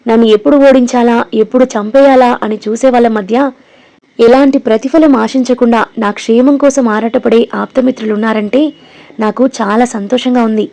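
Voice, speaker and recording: Give me an earnest young man, read by a woman in a spoken story, with a mellow tone. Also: a little high, fairly even intonation, moderate pace, natural voice.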